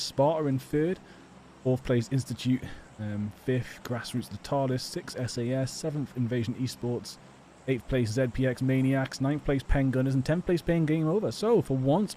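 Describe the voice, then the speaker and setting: This English esports caster and stream host has a warm, mid-range voice, with slight background noise. Working from a home or personal studio, he delivers chatty, rambling live game commentary, a little hesitant at times.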